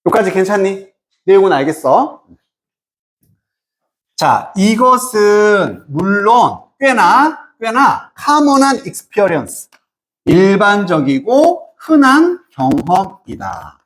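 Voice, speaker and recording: Slow, animated Korean English-teacher voice. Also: mid-range voice. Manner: asks students frequent rhetorical check-in questions; reads English phrases slowly, then translates. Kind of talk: explaining an English reading passage in Korean.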